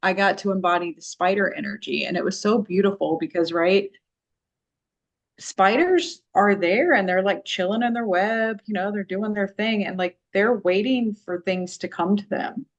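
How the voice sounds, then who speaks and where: A woman's voice: medium pitch, normal speed, muffled recording. A woman in casual spiritual conversation, chatty and full of "like" as she tells a personal story.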